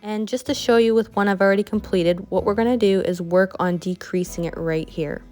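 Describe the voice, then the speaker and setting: A woman's voice: medium pitch, brisk, darkish tone, soft background music. Chatty Canadian woman teaching a craft. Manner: friendly, chatty step-by-step explaining. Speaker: craft instructor. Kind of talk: tutorial voice-over.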